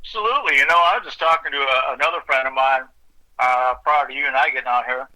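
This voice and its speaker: A man's voice: medium pitch, quick pace, bright, forceful tone, rough recording. A middle-aged man, a songwriter, chatting earnestly and humbly as a guest in an interview. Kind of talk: casual interview chat.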